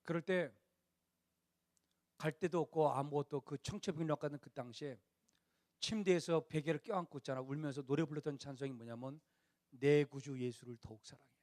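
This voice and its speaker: High-pitched animated man preaching. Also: a little fast, long pauses. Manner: animated preaching, rising to near-shouts at emphasis; acts out quoted dialogue in a conversational tone. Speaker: pastor. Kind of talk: sermon.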